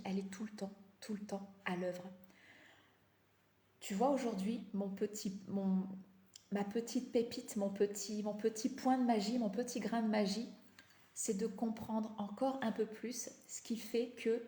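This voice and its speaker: A woman's voice: medium pitch, mellow. Tired, slightly lisping woman in an echoey room. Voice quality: slight lisp, slushy s sounds. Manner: halting, repeats phrases for emphasis. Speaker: live-stream coach. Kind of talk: casual motivational live chat. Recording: echoey, roomy sound.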